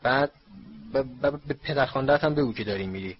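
A man voicing an angry, stout middle-aged uncle who scolds in gruff outbursts, read from a storybook. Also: mid-range voice, lively intonation, dull audio. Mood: grudging.

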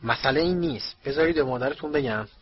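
A man acting an angry wizard father shouting. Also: medium pitch, breathy edge. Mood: scolding. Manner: scolding, shouting. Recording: slightly dull recording, faint hiss.

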